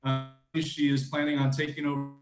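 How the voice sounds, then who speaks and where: A man, a school administrator, presenting a proposal to a school board over a video call, his audio glitching and cutting in and out, halting and repeating words. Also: a little high, completely flat delivery, music in the background. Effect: glitchy audio that keeps cutting in and out. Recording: choppy video-call audio in an echoey room.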